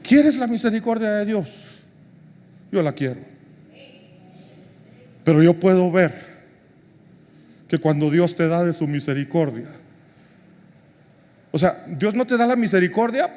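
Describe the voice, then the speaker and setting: Impassioned high-voiced pastor, slow and echoing. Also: male voice. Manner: impassioned preaching, rising to near-shouts then dropping to hushed prayer. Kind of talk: sermon. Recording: long hall reverb.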